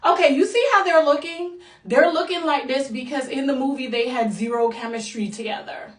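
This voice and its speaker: A woman from the United States delivers an exasperated, blunt review in a casual rant, mildly swearing as she goes. Her voice sits a little high. She sounds set back from the mic in an echoey room. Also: moderate pace, distant mic. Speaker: movie reviewer.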